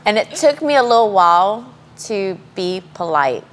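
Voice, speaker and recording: A woman's voice: mid-range voice, sing-song, moderate pace. A woman chef from South Mississippi, talking blunt and straightforward in a casual panel chat, often laughing. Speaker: Cajun restaurant chef.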